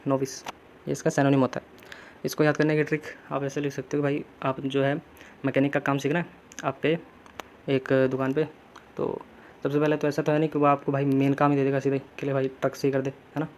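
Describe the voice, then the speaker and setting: A man's voice: medium pitch, level tone, fairly quick, a little mellow, a little hiss or hum. A young man teaching English vocabulary in casual Hindi mixed with English, chatty and telling little stories as memory tricks.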